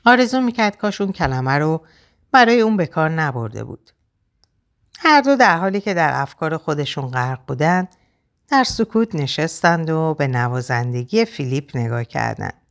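A woman narrating a novel as an audiobook in a measured, expressive reading. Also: sits low.

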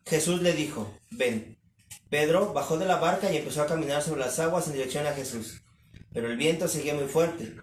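A man reads scripture aloud at a steady, measured pace, his voice a little high. He sounds far from the mic, with echo all around and a faint noise underneath. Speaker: scripture reader. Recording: distant, echoey, faint noise.

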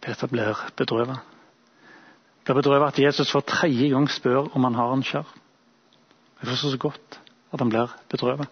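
A male preacher giving a sermon, retelling a Bible story in a reflective, imaginative way with thoughtful pauses. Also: mid-range voice, fairly even intonation, slightly rough, dull audio.

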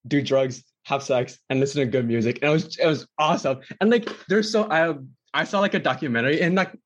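The audio is dull, but this young Indonesian podcast co-host comes through brisk and on the higher side. He rambles through casual stories, saying "like" constantly and laughing a lot.

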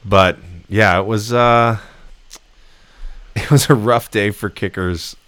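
A man hosting a sports podcast in casual, animated chat, laughing often. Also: lowish voice, slow, clean tone, dry recording. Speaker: podcast host.

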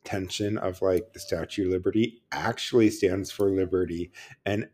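A man with a low, mellow voice co-hosts a casual podcast chat. He talks in a thoughtful, rambling way, peppered with "like" and the odd dry, sarcastic aside. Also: fairly even intonation, moderate pace. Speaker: podcast co-host.

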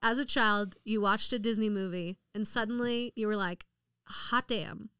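Giggly woman with a smooth, clear voice. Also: mid-range voice, steady tone, moderate pace, fairly bright tone, dry recording. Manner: giggly, rambling and enthusiastic. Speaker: podcast co-host. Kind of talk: casual chat.

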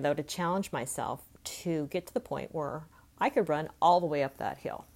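Low-voiced woman in her fifties. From California. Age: 50s. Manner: earnest and conversational, thinking aloud. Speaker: self-help vlogger. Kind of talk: reflective personal monologue.

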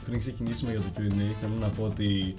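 A man's voice: lowish voice, flat delivery, over music. Joking young male podcast co-host. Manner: joking, rambling, self-mocking. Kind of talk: casual chat.

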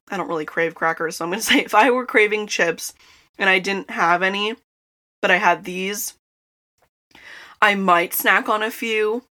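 Young woman podcast host, bright tone, loose chatty delivery with frequent laughs, recorded inside a closet. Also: mid-range voice. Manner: chatty and rambling, laughs often. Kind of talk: casual chat. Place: inside a small closet in a childhood bedroom.

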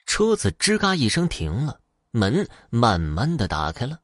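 A man narrating a scripted ghost story in an expressive, dramatic way. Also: medium pitch, measured pace, dry recording, clean studio sound.

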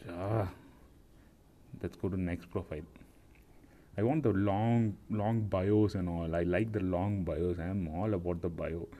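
A man's voice: deep voice, dark tone. A young man hosting a podcast, reading dating profiles aloud with profane, sarcastic, mocking comic commentary. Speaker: podcast host.

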